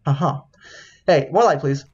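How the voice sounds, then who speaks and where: Guy streaming a game and reading the lines out, kinda high voice, muffled mic, swears a bunch. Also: unhurried, darkish tone, slightly rough. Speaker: gameplay streamer reading dialogue aloud. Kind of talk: casual let's-play commentary.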